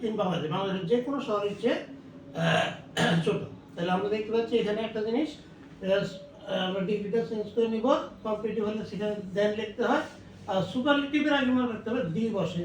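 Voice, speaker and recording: A man with a Bangladeshi accent teaches English grammar in a slow, drawn-out way, repeating each phrase as he writes it out. His voice sits high. It is recorded from a distance in a very echoey room with faint background noise. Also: a little mellow. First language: Bengali. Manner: slow and repetitive, spelling out each word as he writes, mixing Bengali and English. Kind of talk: slow classroom explanation while writing on a board.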